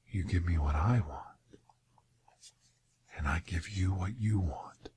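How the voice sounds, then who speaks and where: A man plays a sly interrogator in a whispered ASMR role-play. His voice is low and often drops to a whisper. He questions and bargains very slowly, as a coaxing, menacing time-travelling doctor.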